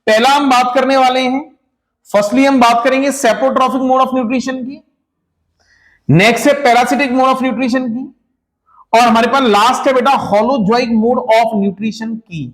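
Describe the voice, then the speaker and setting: A man with a very high-pitched voice teaches a class lecture-style in Hindi with English terms mixed in, keeping a steady tone and taking his time. He refers to his students as children, keeps throwing rhetorical questions at them, and repeats the main ideas.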